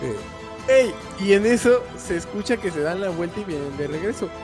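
A young man with a Mexican accent, a streamer casually telling a story in slangy, animated speech, dropping "güey" all the time. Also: sits high, moderate pace, music in the background. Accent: Mexican Spanish.

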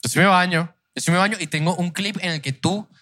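Young guy cracking crude jokes on a podcast, talks fast, highish voice. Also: bright, forceful tone. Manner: crude joking, acts out voices of adults. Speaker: podcast co-host. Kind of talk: casual podcast banter.

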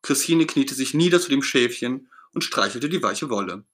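A man reading a children's story aloud as narrator, in an expressive, gentle storytelling manner. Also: medium pitch, moderate pace.

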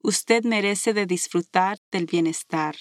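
Slow-paced woman guiding a meditation. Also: medium pitch, no echo. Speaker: guided meditation instructor. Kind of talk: scripted talk and guided meditation.

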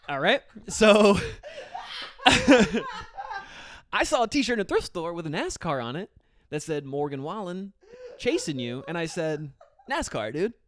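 A man's voice: high-pitched, sing-song, slow pace, pauses often, fairly bright tone. A man co-hosting a podcast, telling a rambling, profane story in casual chat. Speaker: podcast co-host.

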